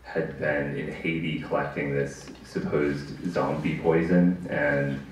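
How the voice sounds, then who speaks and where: A man speaking as a panel guest, telling a story in a measured, matter-of-fact way. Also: extremely low pitch, flat delivery, noisy background. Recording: echoey room, far from the mic.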